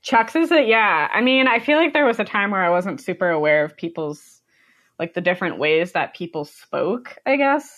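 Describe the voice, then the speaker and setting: A young woman from the United States chats casually as a podcast guest, her voice sitting at an ordinary middle pitch. She rambles through her thoughts with plenty of fillers and breaks into laughter often. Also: big pitch swings, moderate pace, fairly bright tone. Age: young adult.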